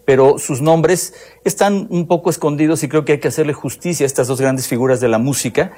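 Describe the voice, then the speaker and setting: A man with a slightly high voice talks as a guest journalist on a radio show. He explains things eagerly and enthusiastically. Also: a little fast, warm tone, breathy edge. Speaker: music journalist. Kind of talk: radio interview.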